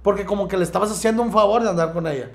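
A young man with a Mexican Spanish accent trades teasing jokes with his friend on a podcast. His voice sits fairly high and has a gravelly, fry-tinged edge. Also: rapid-fire. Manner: teasing, joking interjections. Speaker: podcast co-host. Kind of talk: casual banter.

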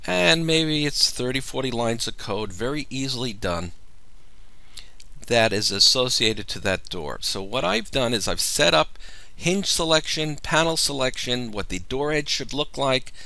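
A man giving a measured, step-by-step software tutorial as a voice-over. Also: mid-range voice, animated, creaky, no room sound. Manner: measured, explanatory walkthrough. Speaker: software demonstrator. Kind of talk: screen-recorded software tutorial.

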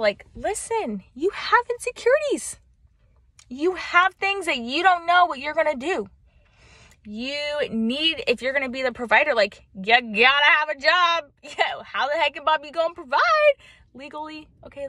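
A young woman vlogging relationship advice outdoors in the mountains, animated and chatty, speaking around braces. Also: on the high side, no echo. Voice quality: talks around braces, sucking back saliva. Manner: animated, chatty, lots of fillers. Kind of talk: casual talk to camera. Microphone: camera.

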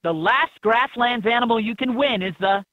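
A husky-voiced woman, pitched a little high, reads scripted prompts as an encouraging guide in a children's game. Her delivery is lightly acted at a moderate pace, and the toy audio sounds dull but carries no echo.

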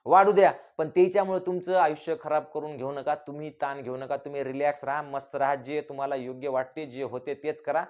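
A man's voice: fairly high pitch, darkish tone. A man from rural Maharashtra giving a motivational talk, emphatic and full of repeated rhetorical questions he answers himself. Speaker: motivational speaker.

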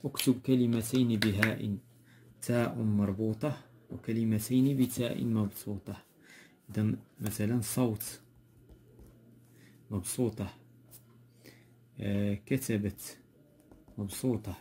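A man's voice: on the low side, steady tone, measured pace, long pauses, darkish tone, a little hiss or hum. A man with a Moroccan accent teaching a textbook grammar lesson, going step by step and repeating key words.

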